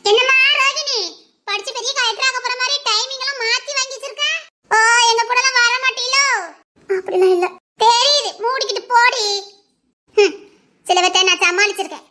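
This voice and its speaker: A woman playing a proud, curt young village woman with a Tirunelveli Tamil accent and a sharp tongue. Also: extremely high pitch, brisk. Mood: bickering. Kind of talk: amateur drama skit.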